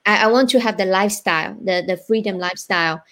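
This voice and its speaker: A woman's voice: medium pitch, fast, fairly bright tone. Chinese-accented woman, earnest guest. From China. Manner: earnest, repeats "right?" often. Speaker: guest entrepreneur. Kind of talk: interview on a live online show.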